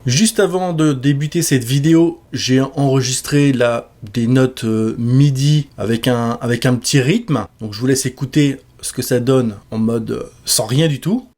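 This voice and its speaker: A man giving a relaxed step-by-step music software tutorial with casual fillers. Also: mid-range voice, unhurried, few pauses. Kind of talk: screen-recorded software tutorial.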